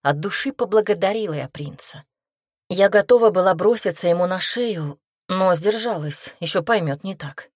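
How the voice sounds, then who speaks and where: A woman narrating a first-person audiobook in an intimate, expressive manner, close to the mic. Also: on the low side, normal speed, no echo.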